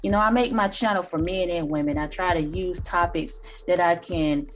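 A woman's voice: on the low side, moderate pace, a little hiss or hum. A woman in her thirties, host of a reaction channel, giving earnest, lecturing commentary with occasional ums, recorded indoors on a phone or webcam. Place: small room indoors.

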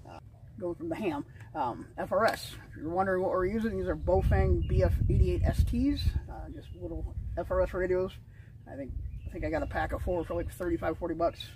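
A man's voice: sits high, darkish tone, poor audio. An American man in his thirties chatting casually as he explains things as a vlog host, folksy, slangy and plain-spoken. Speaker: vlog host and ham radio hobbyist. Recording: faint outdoor ambient noise.

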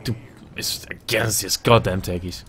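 A young Dutchman from the Netherlands casts a video game match solo from home, giving loose, chatty play-by-play, thinking aloud and swearing now and then. His deep voice holds a steady tone at a moderate pace and sounds a bit bright. He records on earbuds and a desk webcam, with slight background noise.

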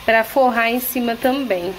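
Loud music sits behind the somewhat high, slightly slow voice of a young Brazilian woman filming her husband cooking in their home kitchen. As host of this casual vlog, she speaks straight to viewers and keeps praising and prompting her partner.

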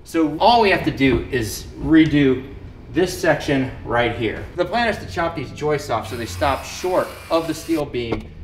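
A renovation vlogger in his thirties talks casually and matter-of-factly about building repairs inside a large, empty brick building. His slightly high voice has lively intonation and an unhurried pace. The camera mic, held at arm's length, picks up a little hiss or hum.

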